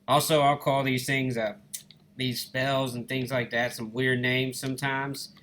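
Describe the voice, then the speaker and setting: A man's voice: medium pitch, flat delivery, a little slow, a bit bright, slight background noise. A man with a Southern Alabama accent giving easygoing, folksy, casual commentary over his gameplay. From Alabama, United States. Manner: easygoing, folksy, addresses viewers as guys and y'all. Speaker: gaming channel host.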